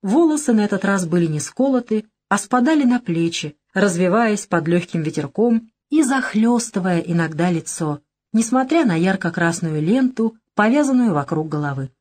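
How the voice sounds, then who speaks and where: Brief: female audiobook reader, steady and measured, mid pitch. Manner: calm, even storytelling. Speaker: audiobook narrator. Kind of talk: scripted narration.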